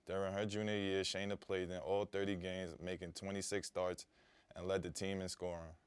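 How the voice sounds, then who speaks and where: A man's voice: low-pitched, flat delivery, moderate pace, smooth, no echo. A man presenting a student feature in scripted narration. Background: faint music.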